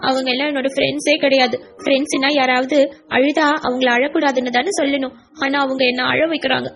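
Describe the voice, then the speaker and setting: A woman's voice: high-pitched, flat delivery, fast, a bit bright, soft background music. A woman voicing a stubborn, hurt little girl in an insistent, childlike way for an audiobook. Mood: earnest. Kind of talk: audiobook character voice.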